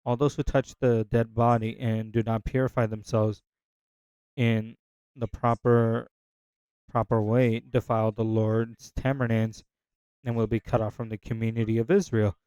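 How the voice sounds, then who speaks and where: Halting man reading scripture aloud. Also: mid-range voice, flat delivery, warm tone, clear, resonant tone, no echo, poor audio. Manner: halting, stumbling over words and restarting lines; unsure of hard names, pauses to check pronunciation. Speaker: scripture reader. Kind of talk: casual unscripted Bible reading.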